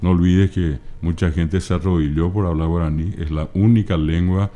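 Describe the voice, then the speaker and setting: A middle-aged man with a Paraguayan Spanish accent, patiently explaining language points as an interview guest and spelling out word forms slowly. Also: deep voice, steady tone, dark tone, highs cut off. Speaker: guest, Guaraní language scholar.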